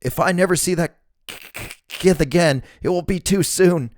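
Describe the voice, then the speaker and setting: Twig, a man putting on a shrill whiny thug. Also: moderate pace, slight background noise, natural voice. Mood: nervous. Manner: complaining, stammering. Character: high-pitched whiny male thug.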